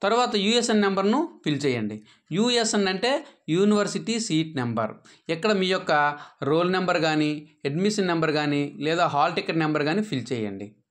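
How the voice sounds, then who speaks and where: A man gives a patient, step-by-step tutorial on an app, pausing on "aa" fillers and dropping his voice at the end of each sentence. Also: expressive, fairly bright tone. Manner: patient, instructive, with frequent "aa" fillers; drops pitch at sentence ends. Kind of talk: step-by-step screen tutorial narration.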